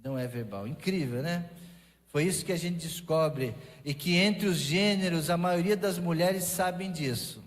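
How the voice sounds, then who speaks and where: High-voiced Brazilian pastor in reverberant church. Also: male voice, moderate pace. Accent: Brazilian Portuguese. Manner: conversational preaching with restarts and lively asides. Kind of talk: sermon. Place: church sanctuary. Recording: long reverb of a church hall.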